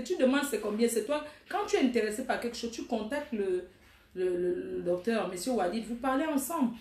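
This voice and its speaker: A woman's voice: on the high side, a little mellow. A woman hosting a casual live stream, chatting with viewers in a blunt, teasing way. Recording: echoey room.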